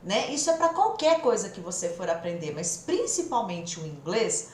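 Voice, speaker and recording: A Brazilian woman teaching a live English lesson, drilling phrases over and over in a lively, repetitive way. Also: mid-range voice, moderate pace, reverberant, slight background noise. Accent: Brazilian Portuguese.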